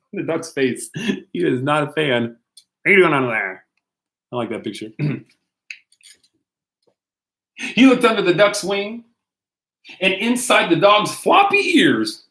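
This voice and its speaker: A man, a pastor, reading a children's storybook aloud in a gentle, unhurried way. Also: high-pitched. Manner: gentle, unhurried, self-correcting. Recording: echoey room.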